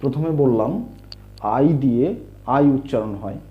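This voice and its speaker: A man teaching English sounds in a slow explanatory lesson, spelling out letters and patiently repeating each word. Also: medium pitch. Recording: dull lo-fi recording.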